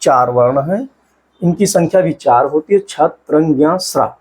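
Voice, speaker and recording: A man teaching an exam-prep class in a husky, slightly high voice. He poses a question and answers it himself, then slows down to sound out syllables one by one. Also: darkish tone.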